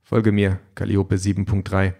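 A man voicing a dry, unflappable junk shop owner in a deadpan way. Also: sits low, normal speed, vocal fry. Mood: calm.

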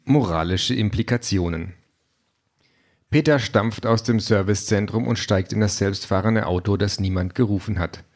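Low-voiced male audiobook narrator. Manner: calm, measured reading.

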